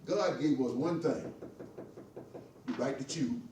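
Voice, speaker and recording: An older man speaks with fiery, preacher-like conviction in a church meeting. His voice sits a little high yet sounds mellow and dark. He is picked up from across an echoey room with faint hiss behind him. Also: slow, recorded from a distance. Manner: fiery, preaching, gets excited. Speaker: church class participant and veteran. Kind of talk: impassioned discussion.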